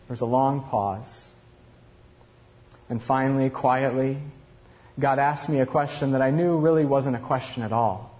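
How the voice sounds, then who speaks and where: A man's voice: medium pitch, fairly even intonation, unhurried, pauses often, darkish tone, lightly acted. Guy doing cain looking back on his life, regretful and brooding, ordinary mid voice. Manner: confessional, brooding, reflective. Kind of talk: first-person dramatic monologue.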